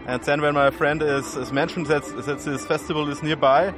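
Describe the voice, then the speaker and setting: A man's voice: on the high side, steady tone, moderate pace. A man from Bavaria with a German accent, being interviewed as a festival visitor. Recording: music behind, outdoor location.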